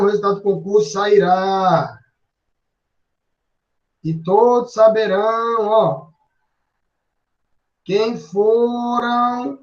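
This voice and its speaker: A man with a Brazilian Portuguese accent teaching a grammar lesson, emphatic and drawn out, with frequent tag words. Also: high-pitched. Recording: roomy, distant, dull lo-fi sound.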